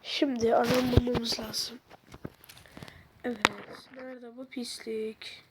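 Woman, high voice, sore throat, horror-game commentary, jumpy, yelling and cursing at scares. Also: level tone, takes it slowly, background noise. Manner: jumpy, yells and curses at the game. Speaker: gaming video host. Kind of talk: excited let's-play commentary.

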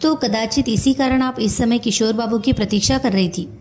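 A woman reading a storybook who voices a calm, probing young male sleuth with a cool, questioning manner. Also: a little high, moderate pace, a little hiss or hum, close to an everyday voice.

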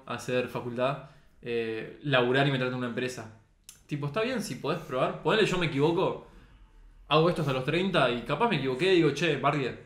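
Guesting on a podcast in a recording studio with roomy echo, a young photographer with a Rioplatense Spanish accent chats casually but earnestly, peppering his speech with slang fillers. He is a young adult with a mid-range, slightly bright voice.

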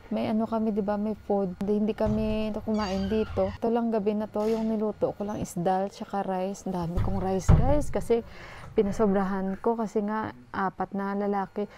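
A Filipina vlogger talks casually to her viewers from home, indoors, using a handheld phone camera and calling them "guys" every few words. Her voice is medium-pitched and warm, with a little hiss or hum.

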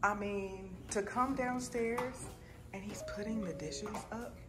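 Speaking slowly in a mid-range voice, this vlogger, a mom and doctor in her thirties, talks to the camera as if her viewers were friends. It's a casual family vlog with music playing behind her.

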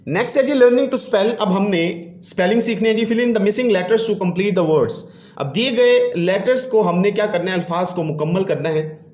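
A man with a fairly high voice leads a classroom English lesson. He reads each English line slowly, then explains it briskly, often asking "जी". The sound is echoey and roomy. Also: a little mellow. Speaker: teacher. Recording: echoey room.

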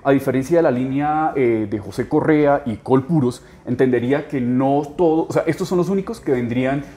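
A man's voice: mid-range voice, a little fast, mellow. Colombian male host, conversational interviewer, thoughtful, long winding questions.

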